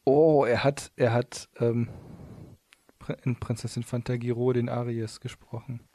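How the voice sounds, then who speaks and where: A man's voice: mid-range voice, little pitch movement, unhurried, dark tone, no echo. A man co-hosting a casual chat, reading facts aloud in a playful, giggly way and stumbling over words. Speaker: podcast co-host.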